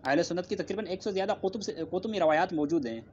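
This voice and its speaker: A man's voice: sits high, a little mellow. A man answering in a formal religious debate, hammering each point home by repeating it and leaning on citations. The recording is dull and lo-fi, with a faint hiss underneath. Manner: repetitive, emphatic, cites scripture and hadith.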